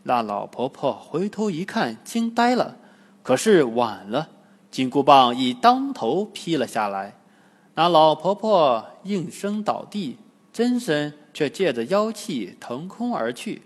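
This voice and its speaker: A man narrating a classic tale in a slow, expressive storytelling manner. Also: on the high side. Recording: long hall reverb.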